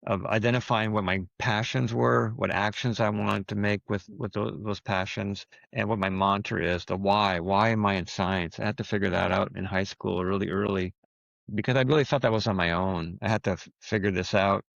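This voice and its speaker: On a podcast, this Québécois guest, whose first language is French, reflects casually, often restarting sentences and using fillers. The recording is muffled with no room sound, and he speaks at normal speed in a lowish, slightly bright voice with vocal fry and fairly even intonation.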